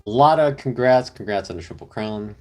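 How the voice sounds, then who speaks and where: A young man with a mid-range voice talks fairly quickly on a livestream, car camping indoors with his partner. He reads viewer comments aloud in a rambling, easygoing way, filling his speech with lots of fillers.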